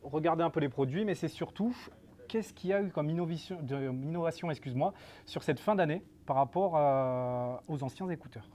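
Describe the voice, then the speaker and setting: Mellow-voiced man hosting a casual interview. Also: on the high side, a little fast. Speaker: host and interviewer, store salesperson. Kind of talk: live casual product interview.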